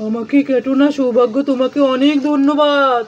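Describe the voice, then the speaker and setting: A woman's voice: high-pitched, fairly even intonation, brisk, slight background noise, pitched below the performer's own voice, lightly acted. A woman voicing a timid talking coconut that whimpers and begs not to be cut, in a slightly dull home video. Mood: pleading sobs. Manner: whimpering, begging. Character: crying pleading coconut, childlike and timid.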